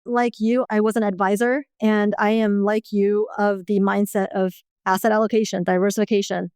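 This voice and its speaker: A woman's voice: medium pitch, flat delivery, normal speed, a little mellow, clear, resonant tone, dry recording, studio quality. A woman in her forties who grew up in China and the US, a podcast guest giving fluent, explanatory interview answers. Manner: fluent, explanatory, occasional laughs. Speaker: guest, index fund founder.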